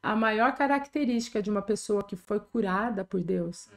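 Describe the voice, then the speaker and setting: A woman's voice: medium pitch, moderate pace. A middle-aged Brazilian woman pastor with a Brazilian Portuguese accent, sharing a personal testimony in an earnest, conversational way and often ending sentences with a tag question.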